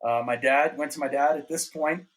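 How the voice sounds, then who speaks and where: A middle-aged man from North Carolina, a former pro snowboarder appearing as a podcast guest, tells laid-back, rambling stories and laughs often. His voice is fairly high with fairly even intonation, at a moderate pace.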